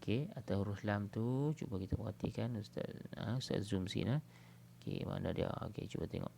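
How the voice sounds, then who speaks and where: Gravelly Malaysian man teaching Arabic. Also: lowish voice, dark tone, slight background noise. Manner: explains patiently, draws out example words slowly. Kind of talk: online class lesson.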